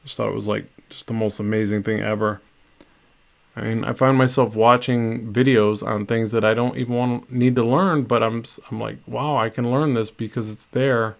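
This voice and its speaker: A man's voice: on the low side, little pitch movement, normal speed, creaky. A middle-aged man chatting casually and rambling while painting on a live stream from his home studio. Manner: rambling, self-deprecating, many restarts.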